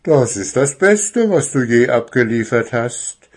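A man voicing a strict but kind female owl who teaches at a forest school, speaking in a measured teacher's tone. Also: a little high, animated, breathy edge, pitched above the performer's own voice, heavily acted. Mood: kindly.

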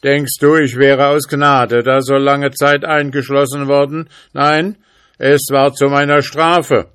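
A man voicing a booming, menacing bottled spirit. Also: flat delivery, slow, fairly bright tone, smooth, no room sound, clean studio sound. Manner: booming, threatening, later pleading. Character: huge menacing bottled spirit, boastful and cruel.

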